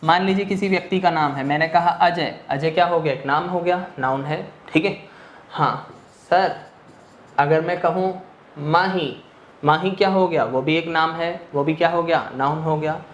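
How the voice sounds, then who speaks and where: A man's voice: on the high side, a little fast, lo-fi sound, a little hiss or hum. A male English teacher lecturing an online class, asking questions and answering them himself, mixing English phrases into his explanation. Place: teaching room with a board. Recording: echoey room.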